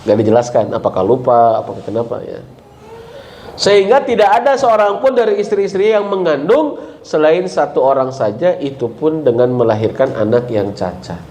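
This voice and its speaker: A middle-aged man with a Sundanese accent gives an Islamic parenting talk. His voice sits at an ordinary pitch but leaps sharply upward whenever he stresses a point, and he keeps turning to the audience with quick questions. A faint noise sits behind him. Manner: animated, leaps high in pitch for emphasis, asks the audience questions. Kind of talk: lively religious study talk.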